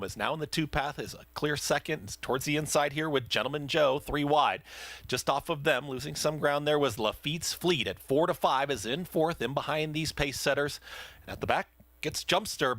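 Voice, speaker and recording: A man's voice: medium pitch, a bit bright, no room sound. A man working as a race caller, giving live, urgent commentary on a horse race. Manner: urgent race caller delivery, building in intensity.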